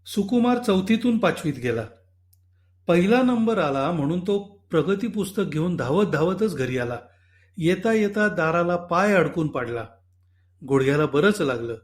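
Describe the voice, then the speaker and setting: A male storyteller narrating a short story for an audiobook. His voice sits high for a man, and his reading stays calm and measured. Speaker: story reader.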